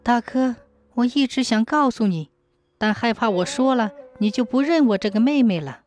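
A woman voicing a sorrowful young female river ghost, speaking haltingly and pleading through tears in a storybook tale. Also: fairly high pitch, expressive, darkish tone, soft background music, pitched above the performer's own voice, natural voice. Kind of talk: storybook narration.

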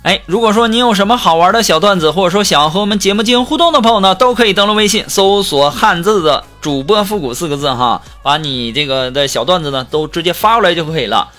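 A man's voice: sits high, quick pace, few pauses, sharp tone. A man hosting a comedy show, telling funny anecdotes with laughing asides. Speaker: comedy podcast host. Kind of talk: joke storytelling. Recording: music bed behind voice.

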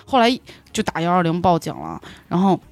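A woman's voice: on the low side, huge pitch swings, a little fast. A woman animatedly retelling a story in casual chat, laughing now and then. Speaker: podcast guest.

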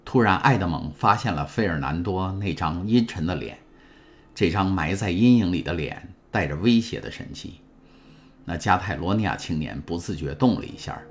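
A man narrating a novel in a calm, measured storytelling way. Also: low-pitched. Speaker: audiobook narrator. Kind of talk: scripted narration. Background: faint music.

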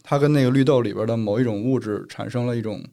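A man's voice: mid-range voice, quick pace, vocal fry, warm tone. A man from northern China, co-hosting a casual chat and telling stories at length. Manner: storytelling, explains at length. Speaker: podcast co-host.

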